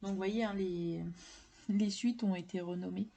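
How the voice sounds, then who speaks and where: Chatty woman, warm husky voice. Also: mid-range voice, fairly even intonation, moderate pace. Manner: chatty and enthusiastic, with many fillers and restarts. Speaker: tarot and oracle deck collector showing her decks. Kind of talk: casual chat to camera.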